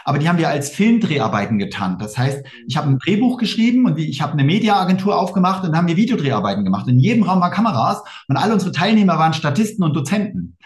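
A man with a German accent telling his story fast and emphatically in a casual interview, acting out quoted exchanges. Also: fairly high pitch, very animated, echoey room. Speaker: interview guest.

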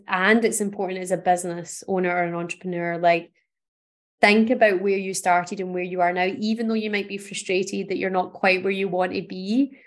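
A woman from Scotland hosting a podcast, giving an earnest, encouraging motivational talk. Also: mid-range voice. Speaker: podcast host.

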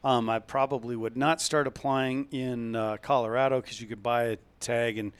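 A man hosting a hunting podcast in a relaxed, casual chat, with many fillers and restarts. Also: mid-range voice, moderate pace, smooth.

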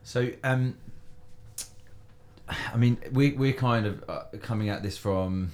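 A man co-hosting a podcast, asking questions in a halting, hesitant way. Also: mid-range voice, darkish tone. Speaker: podcast co-host. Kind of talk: casual interview questions.

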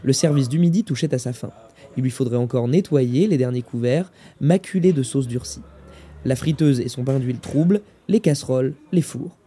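A man narrating a literary short story in a measured, descriptive way. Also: mid-range voice, dark tone, breathy edge. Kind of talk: scripted story reading.

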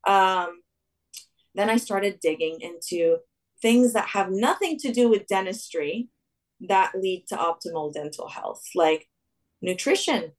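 A woman dentist from Saudi Arabia chatting as an interview guest, animated and full of restarts. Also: mid-range voice, a little slow, far from the mic, rough recording. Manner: animated, rambling with many restarts. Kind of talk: casual interview talk.

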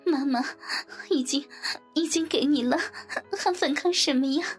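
A woman's voice: high-pitched, normal speed, faint music behind, voice pushed up, lightly acted. A woman voicing a flustered, overwhelmed middle-aged mother in an erotic audiobook, breathless, whimpering and shy. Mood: shy pleading.

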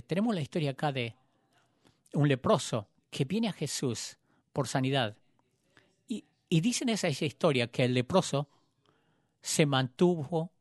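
A male preacher telling a personal story in a sermon, moving between raised, urgent passages and hushed, quiet ones. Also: medium pitch, no room sound, studio quality. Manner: dramatic storytelling, swings between loud and hushed.

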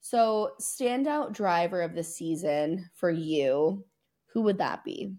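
In a casual sports podcast chat recapping the season, a woman co-host speaks slowly in a warm, fairly low voice. Her talk is chatty and playfully self-mocking.

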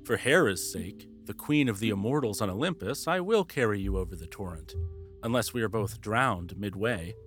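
A man's voice: lowish voice, lively intonation, normal speed, fairly bright tone, soft background music. A man voicing a bold, hasty young hero in a storybook reading, speaking earnestly and eagerly.

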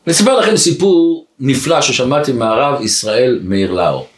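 A man's voice: medium pitch, reverberant. A man, a rabbi, giving a weekly Torah lesson and acting out the lines of the people in his story. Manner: acts out the characters' lines in a rising, lively storytelling voice.

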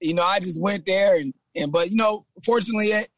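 A man from San Jose, a trainer and former football player, telling his story as a guest in a relaxed interview, with frequent "man" and repeated words. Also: sits high, quick pace, no echo. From San Jose, California. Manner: laid-back, says "man" often, repeats himself. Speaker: guest, trainer and gym owner. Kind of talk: casual interview chat.

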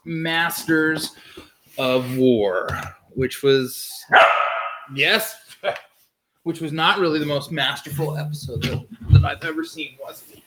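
A man's voice: on the high side, slight background noise. Sarcastic man ranting in an echoey room. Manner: sarcastic, profane, rambling. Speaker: TV review host. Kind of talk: casual spoiler review chat.

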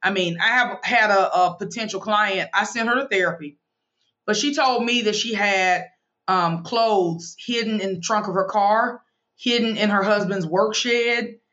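The audio is dull, but her mid-range, slightly bright voice carries brisk, emphatic money advice. She's a thirtysomething financial planner and coach, talking frankly in an interview.

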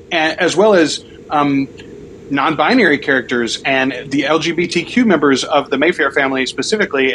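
A man's voice: on the high side, a bit bright, slight background noise, poor audio. Forty-year-old man hosting casually. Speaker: podcast co-host and panel moderator.

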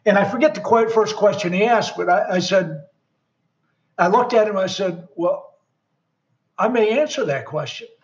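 A man's voice: sits high, moderate pace, pauses often, muffled recording. A man guest telling a story in a casual conversation, acting out the voices of other people in it. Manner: animated, acts out quoted dialogue.

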